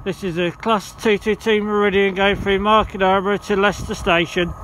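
A man's voice: high-pitched, level tone, normal speed. A man on an outdoor railway platform, filming on a phone and naming passing trains in a plain, matter-of-fact way. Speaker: train spotter. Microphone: handheld phone camera. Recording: loud outdoor train and traffic noise.

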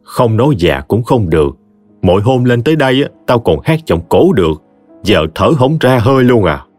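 A man's voice: medium pitch, sing-song, normal speed, darkish tone, no echo. A man voicing an old, blunt and jolly country mother in an audiobook story, over faint music. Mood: weary.

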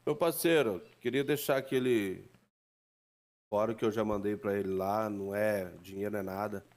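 A man's voice: lowish voice, moderate pace, darkish tone. A man on a gaming stream giving an earnest, heartfelt message of support, full of slang and blessings. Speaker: guest donor. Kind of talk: casual heartfelt speech.

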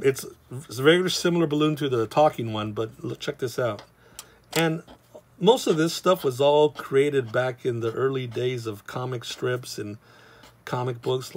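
A middle-aged man, teaching how to draw comics in a loose, rambling, casual way. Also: medium pitch. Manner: rambling, loose and chatty, with many fillers. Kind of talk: casual drawing tutorial.

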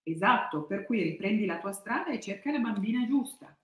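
A woman's voice: medium pitch, animated, fairly quick, pitched above the performer's own voice, close to an everyday voice. A woman voicing a bold, cheeky little girl with a spirited, defiant way of talking. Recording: echoey room.

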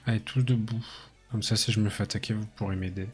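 A man's voice: on the low side, fairly even intonation, quick pace. A male streamer chatting casually over a game, joking crudely and laughing often. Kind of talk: casual gaming stream chat. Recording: music playing under the voice. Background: background music.

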